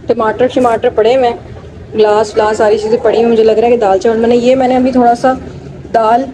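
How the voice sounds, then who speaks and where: A woman's voice: a little high, noisy background. A young woman, chatting casually to her phone camera as she walks through her home. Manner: chatty, talks straight to camera. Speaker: vlogger. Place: home rooms and kitchen, indoors. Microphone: phone camera at arm's length.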